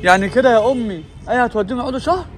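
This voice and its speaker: An Egyptian man, a husband in a family vlog, protesting loudly. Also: very high voice, rapid-fire, a little hiss or hum.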